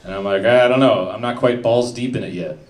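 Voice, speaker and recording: A young man doing a stand-up comedy set with a deadpan, mumbling delivery. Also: medium pitch, brisk. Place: comedy club stage with a live audience. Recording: echoey room with background noise.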